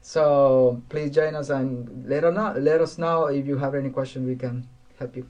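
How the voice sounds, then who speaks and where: A man's voice: mid-range voice, fairly even intonation, a little mellow, highs cut off. Costa Rican man hosting a podcast. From Costa Rica. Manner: halting, friendly questions. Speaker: podcast host. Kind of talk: casual interview.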